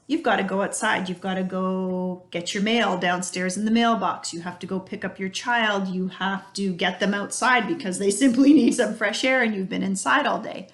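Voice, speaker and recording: A middle-aged woman, an early childhood educator, giving parents practical advice in a friendly way and illustrating each point with everyday examples. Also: medium pitch. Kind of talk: instructional talk to parents.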